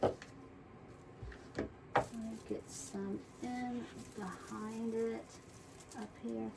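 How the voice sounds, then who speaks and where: With a fairly high, steady, creaky voice, a woman talks very slowly as she hosts a wreath-making tutorial, chatting casually and murmuring to herself while crafting. The mic is distant and there's faint noise in the background.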